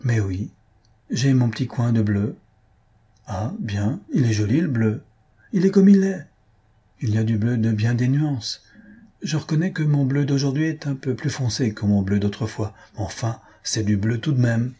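A man's voice: medium pitch, animated, normal speed, warm tone, slightly rough. Man doing a poised, amused young countess. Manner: light, amused, unruffled.

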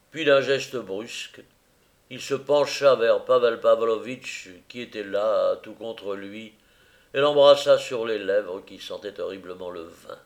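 Slow, gravelly male narrator. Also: fairly low pitch. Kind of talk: audiobook reading of a novel.

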